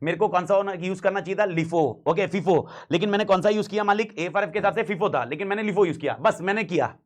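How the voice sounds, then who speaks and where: A high-voiced Indian man with a slightly hoarse throat teaches an audit class. He is emphatic, drills key phrases again and again, and slips English terms into his Hindi. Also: fast talker. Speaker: audit lecturer. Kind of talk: classroom lecture.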